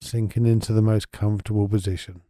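Male meditation guide, very mellow and warm, gentle soothing delivery, dry close sound. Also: on the low side, level tone, dry recording. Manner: soft, slow and soothing.

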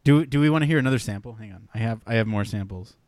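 A young man co-hosting a podcast in casual chat, animated and rambling with restarts. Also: fairly low pitch, very fast, dry recording. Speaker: podcast co-host.

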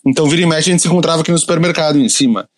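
A man's voice: on the high side, racing. A Brazilian man co-hosting a podcast, chatting casually and anecdotally, often doubling back on his phrases. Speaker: podcast co-host.

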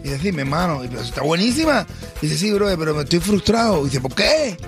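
A man telling a joke on a radio show, animated and acting out characters. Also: fairly high pitch, fast, faint music behind. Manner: animated storyteller, acts out characters. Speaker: radio co-host.

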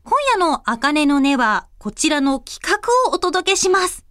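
A woman's voice: high voice, no room sound, studio quality. A woman hosting a radio show and reading out listener mail in a casual, bubbly way, laughing often. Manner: bubbly and animated, quick to laugh. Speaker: radio host and singer.

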